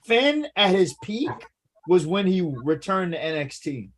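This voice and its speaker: A man in casual podcast conversation, his voice sitting a little high. He talks in a lively, rambling way and leans on "like" between thoughts. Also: unhurried. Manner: animated, lots of "like" fillers. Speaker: podcast co-host. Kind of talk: casual wrestling chat.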